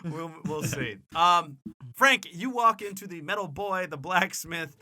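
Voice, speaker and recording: A man running a tabletop game as game master, chatty and quick to laugh at himself. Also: sits high, lively intonation, bright, forceful tone. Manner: chatty, laughs easily, self-deprecating. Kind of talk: narrating a tabletop game, casual chat.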